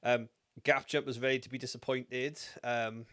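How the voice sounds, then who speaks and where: A man from the Welsh Valleys hosts a casual live stream. His voice is clear and smooth, recorded dry and close, and he talks in a loose, chatty, sweary style with a Valleys accent. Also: mid-range voice, steady tone, normal speed, fairly bright tone, no room sound. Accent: South Wales Valleys. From Wales. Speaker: livestream host. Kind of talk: casual live stream chat, reacting to news.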